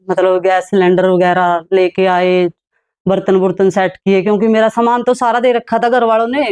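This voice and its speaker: Woman calmly recounting her own past. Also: mid-range voice, clear, resonant tone. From Haryana, India. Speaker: guest telling her life story. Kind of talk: personal storytelling in a talk show.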